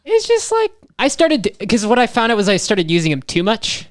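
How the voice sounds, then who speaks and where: A man's voice: extremely high pitch, wildly swooping pitch, brisk, no room sound, studio quality. A nineteen-year-old man from Wisconsin, a podcast guest who thinks aloud in a casual, rambling way with trailing asides.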